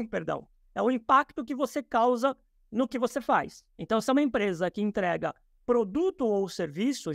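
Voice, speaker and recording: A man's voice: very high voice, gravelly, no echo, studio quality. A man from Brazil, a podcast guest, explaining ideas in a thoughtful way with many fillers and restarts, speaking from his office over a video call. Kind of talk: explanatory interview talk.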